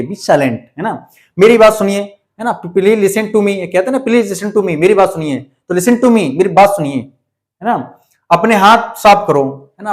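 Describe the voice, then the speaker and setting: A man teaching English grammar in Hindi, repeating each example sentence and asking the students questions that he answers himself. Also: high-pitched. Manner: repetitive, asks and answers his own questions, calls students 'beta'. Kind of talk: Hindi-language grammar lesson.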